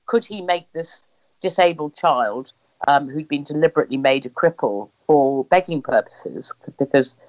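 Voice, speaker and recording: A woman from England, her voice sitting low and her pace moderate, recounts her family history as an interviewee. She shares personal stories in conversation with an English accent, acting out remembered exchanges as she goes. The audio is slightly dull and lo-fi.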